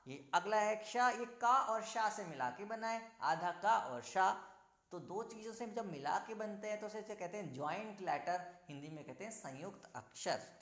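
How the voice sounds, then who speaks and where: Guy teacher sounding out hindi letters real slow, patient, everyday examples, kinda echoey room. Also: on the high side, a bit bright. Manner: spells out letter sounds slowly and clearly. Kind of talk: online Hindi grammar lesson.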